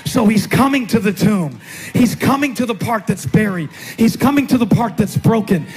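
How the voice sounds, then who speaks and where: High-voiced man preaching a sermon. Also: lively intonation, moderate pace, breathy edge. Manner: rhythmic preaching with repeated phrases, rising to shouts. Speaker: pastor.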